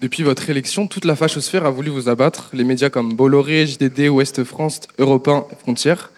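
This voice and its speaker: A man's voice: medium pitch, normal speed, long reverb tail. A young man hosting a political discussion show, asking earnest questions of his guest. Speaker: show host interviewer.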